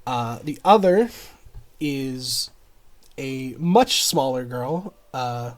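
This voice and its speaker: A man's voice: medium pitch, expressive, extremely slow. A man narrating a tabletop game as game master, chatty and often laughing between descriptions.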